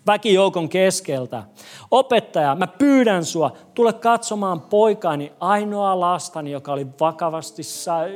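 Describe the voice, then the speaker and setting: Male pastor, high voice, conversational preaching from a church, emphatic then hushed. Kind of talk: sermon.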